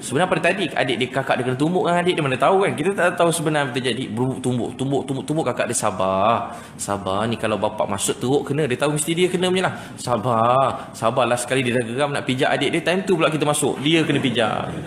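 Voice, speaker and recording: A man's voice: on the high side, rapid-fire, hardly any pauses. A man with a Malaysian Malay accent preaching, telling family stories and acting out the voices of parents and children. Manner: storytelling, acts out family voices. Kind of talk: sermon with anecdotes. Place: mosque lecture hall. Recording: echoey hall with faint noise.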